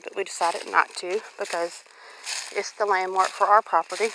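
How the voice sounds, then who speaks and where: Recorded handheld on a camera or phone outdoors, with noise and clicks, a woman in her forties narrates her homestead walk. She speaks with a Southern US accent at medium pitch, chatting casually and without hurry as she moves around her rural property.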